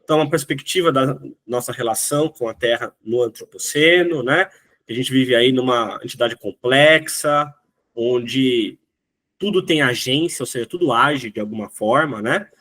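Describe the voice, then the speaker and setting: A man's voice: medium pitch, moderate pace, fairly bright tone. A man with a Brazilian Portuguese accent teaching a recorded class, explaining step by step and often checking in with "né?". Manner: explanatory, frequent "né?" tag questions. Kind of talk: recorded lecture.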